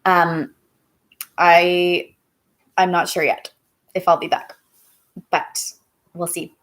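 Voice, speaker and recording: A woman teacher reading a story aloud on a live stream, then chatting with her viewers in a halting, casual way. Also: lowish voice, little pitch movement, fairly bright tone.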